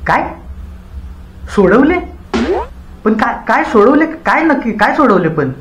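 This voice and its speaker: A man playing a young man who has gone deaf, talking loudly, mishearing words and sounding confused in a Marathi comedy sketch. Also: very high voice, sing-song, measured pace, reverberant, lo-fi sound, music in the background, full character voice. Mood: loud bewildered.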